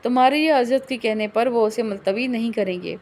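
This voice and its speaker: A woman voicing a firm, calm middle-aged mother in an audiobook reading of a novel, speaking in a matter-of-fact way. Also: on the high side, lightly acted.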